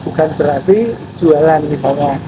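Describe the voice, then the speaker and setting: Measured man in his fifties, noisy surroundings. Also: fairly high pitch, steady tone. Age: 50s. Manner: measured, explanatory, pauses with fillers. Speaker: national park office head. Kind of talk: interview answers. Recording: noisy background with passing vehicles.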